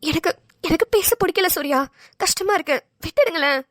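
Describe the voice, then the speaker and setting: A young woman in a cartoon pleads through tears, begging to be left alone, voiced by a woman. The voice is very high-pitched. It is recorded close and dry. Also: expressive, a little fast, dry recording. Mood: tearful. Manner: pleading, tearful. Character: tearful young woman pushing a suitor away. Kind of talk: cartoon voice acting.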